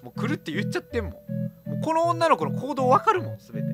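A woman's voice: high voice, very animated, very fast. A woman with a Kansai accent giving casual horror game commentary as a streamer, full of blunt, mouthy asides. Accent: Kansai Japanese. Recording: music behind the voice.

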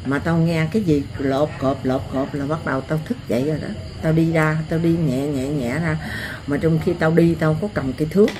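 An older woman with a Southern Vietnamese accent, telling stories in a blunt, earthy, animated way as an interviewee. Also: deep voice, a little fast, hardly any pauses, background noise. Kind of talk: rural storytelling.

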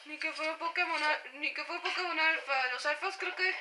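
A woman's voice: high voice, a little fast, noisy background. A woman with a Spain Spanish accent doing let's play commentary, jumpy, nervously exclaiming and crying out for help. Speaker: gaming channel host.

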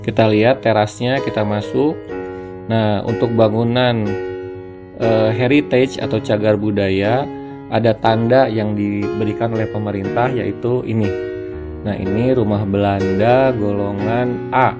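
A real estate agent narrates a walk-through house tour, explaining each step as he presents the property. He speaks unhurriedly in a lowish voice with fairly even intonation. Plucked guitar music plays in the background.

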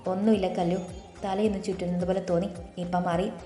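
Woman doing a tired sad mom in an audio story, low weary voice, mellow. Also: level tone, brisk, roomy sound, faint music behind, natural voice. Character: tired, grieving middle-aged mother.

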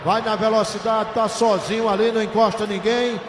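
A man with a Brazilian accent doing colloquial, excitable football narration on radio, full of stock catchphrases. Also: high voice, brisk. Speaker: play-by-play football commentator. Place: open stadium press stand. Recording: noisy, echoey live stadium recording. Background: stadium crowd ambience.

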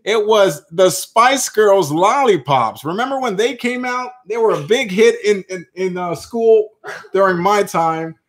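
Male auction host with a high voice and an unhurried pace; chatty, calls bids like a sports commentator. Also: lively intonation. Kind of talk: live-stream coin auction patter.

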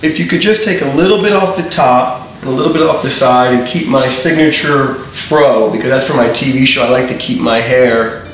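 A man's voice: medium pitch, fairly quick, noisy background. A man in his thirties, a TV host, chatting casually and boastfully on camera in a large barber shop. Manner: boastful, playful showman. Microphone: far camera mic. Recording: echoey room, far from mic.

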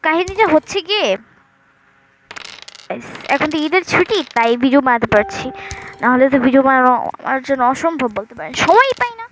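A woman doing chatty voice-over commentary on a game, talking quietly into an earphone mic at home so she won't wake anyone. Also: high-pitched, very animated, brisk, long pauses, slight background noise. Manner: talks quietly so as not to wake her sleeping parents; chatty, keeps addressing viewers. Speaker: gaming channel host. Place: room at home at night. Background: game music.

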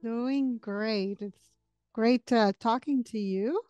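A middle-aged podcast host from southern Brazil, a native Portuguese speaker with a Brazilian accent, conducts a conversational interview over a video call from a home study with bookshelves. She speaks slowly, close to a boom-arm podcast mic, in a smooth, darkish, somewhat high voice. The audio is dull with no room sound and soft background music.

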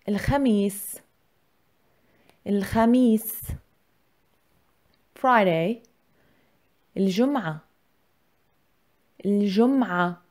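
A woman giving scripted instructional narration as a language teacher, speaking deliberately and repeating words for learners. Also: mid-range voice, darkish tone. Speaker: language teacher, lesson presenter.

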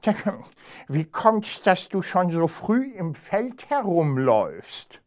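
A haughty, mocking storybook hare with a high, sneering voice, put on by a man reading aloud. He scoffs and laughs at his rival, his pitch leaping up and down. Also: very animated, slow, a little mellow, heavily acted.

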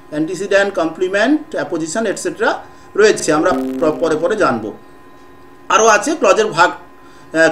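High-voiced male teacher, patient pauses. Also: fairly bright tone. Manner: explains step by step with frequent pauses and filler sounds. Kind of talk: online class lecture. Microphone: computer microphone on a video call.

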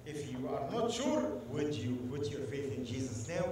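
A man preaching a sermon as guest speaker, emphatic and animated, drawing the congregation into call-and-response. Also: mid-range voice, moderate pace, noisy background. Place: church sanctuary. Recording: echoey church hall, mic at a distance.

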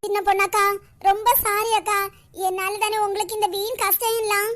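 A woman with a Kanyakumari Tamil accent voicing a scolding, indignant character in an animated comedy. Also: very high-pitched, brisk, dry recording.

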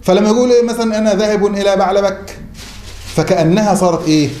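Racing through a classroom lecture, an Egyptian-accented man speaks in a high, mellow voice with fairly even intonation. He regularly asks the students questions and answers them himself, in a roomy classroom or mosque hall with faint noise.

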